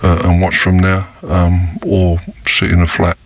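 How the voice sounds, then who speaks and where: An older former undercover police officer whose voice is disguised and pitched down, speaking slowly and haltingly in a recorded news interview. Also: male voice, monotone, slight background noise. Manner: slow, halting, with many fillers. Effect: disguised voice, pitched down deep.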